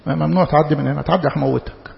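Egyptian preacher guy, gravelly voice, asks lots of questions, long echo, dull sound. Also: on the high side, fairly even intonation, racing. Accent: Egyptian Arabic. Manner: conversational, asks rhetorical questions. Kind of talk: sermon.

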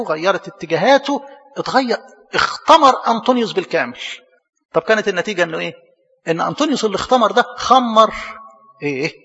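An Egyptian priest preaching a sermon, asking questions and answering them himself. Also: male voice, sits high, gravelly, a bit bright, breathy edge, in a large hall, lo-fi sound. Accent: Egyptian Arabic. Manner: storytelling preacher, asks and answers his own questions.

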